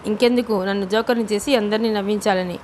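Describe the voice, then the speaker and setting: A woman's voice: mid-range voice, fairly even intonation, quick pace, a little mellow, slight background noise, lightly acted. A woman doing a snappy, irritable young man. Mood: sulky. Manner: snapping, scolding. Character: irritable young man, short-tempered brother.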